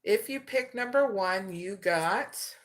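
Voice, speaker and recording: A woman doing an oracle card reading who keeps tagging her sentences with "okay?" and slows down to read out each card. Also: mid-range voice. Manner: slow and deliberate when reading card names. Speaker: tarot reader.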